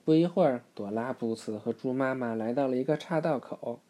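Low-voiced woman reading a picture book. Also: fairly quick, a little hiss or hum. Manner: gentle, patient, soft-spoken asides. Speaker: parent reading to a child.

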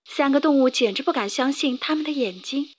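A woman reading a children's story aloud with lively, expressive narration. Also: high voice, a little fast, slight background noise.

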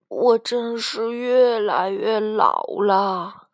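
A frail, weary old grandfather storyteller, voiced by a woman reading aloud, talks in slow, sighing phrases. The voice swings widely in pitch. The recording is close and dry. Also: big pitch swings, a bit bright, no room sound, heavily acted. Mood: weary sad.

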